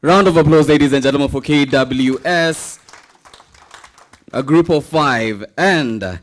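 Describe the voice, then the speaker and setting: A man's voice: a little high, a little slow. A man emceeing a live raffle draw at an event, playful and teasing, calling numbers like an auctioneer.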